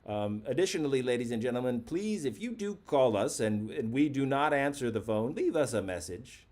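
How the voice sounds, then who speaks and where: A man's voice: medium pitch, expressive, moderate pace, darkish tone. Rambling mock-grandiose call-in host man. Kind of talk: comedic late-night call-in talk.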